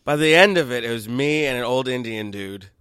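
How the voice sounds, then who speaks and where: A man's voice: medium pitch, lively intonation, brisk, crowd noise. A man as a podcast guest, telling crude, self-mocking stories in casual chat.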